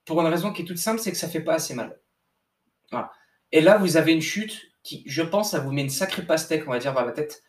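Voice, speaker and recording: A man's voice: fairly high pitch, lively intonation, fast talker. A young man, a sports coach, giving a casual motivational talk with lots of restarts and slang. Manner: informal, repetitive restarts, addresses listener as bro. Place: at a desk indoors. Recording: echoey room, mic at a distance.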